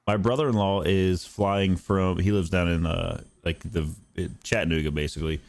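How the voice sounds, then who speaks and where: A man's voice: deep voice, moderate pace, darkish tone. A man co-hosting a casual sports podcast, chatting in a wry, teasing way. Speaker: podcast co-host.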